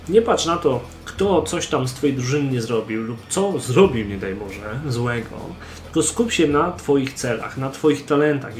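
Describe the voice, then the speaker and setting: A man's voice: medium pitch, a little hiss or hum. A young man giving game tips in a voice-over, speaking straight to the viewer and urging them on with emphasis. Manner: emphatic, exhorting, addresses the viewer directly. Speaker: gaming channel host.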